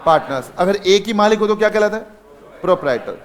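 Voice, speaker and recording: A high-pitched man teaches accounting. He fires questions at his students, then repeats the answers himself in a call-and-response rhythm. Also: expressive, fast talker. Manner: calls students son, asks and repeats answers. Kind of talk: classroom lecture.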